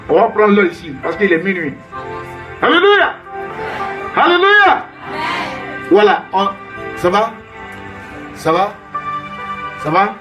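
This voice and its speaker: A man preaching as a prophet, emphatic and repetitive, calling out names and Alléluia in call-and-response. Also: sits high.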